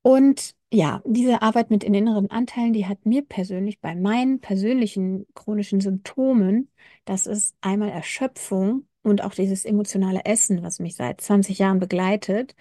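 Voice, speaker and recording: A woman's voice: mid-range voice, normal speed, warm tone, no echo, clean studio sound. A woman coaching people with chronic pain, talking casually and reflectively to the listener, acting out inner voices along the way. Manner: addresses the listener informally, frequent fillers. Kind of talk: casual direct-to-camera talk.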